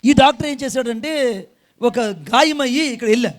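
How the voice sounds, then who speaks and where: A man preaching a sermon. He tells an illustration story, switches into halting English phrases and builds to loud exhortation. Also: very high voice. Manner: tells a story with acted dialogue, then rises to loud exhortation.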